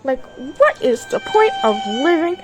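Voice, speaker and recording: A woman's voice: very high-pitched, big pitch swings, measured pace, a little hiss or hum. A woman voicing all the characters in a playful homemade toy-train drama, jumping between silly character voices. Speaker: fan series voice actor.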